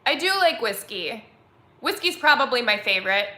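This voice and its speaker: A woman's voice: on the high side, big pitch swings, moderate pace, pushed and bright. A woman in her twenties hosting a casual live chat, rambling and chatty with lots of "like" fillers, at home. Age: 20s. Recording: echoey room.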